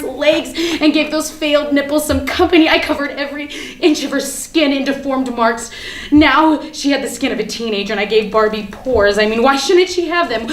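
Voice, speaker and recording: At a live staged reading in an indoor room, a woman with a high-pitched, lightly acted voice plays a bitter, manic, sardonic woman confessing her war on a Barbie doll. Her theatrical monologue is emphatic and repetitive, swinging from hushed to ranting. The room is echoey, with background hiss.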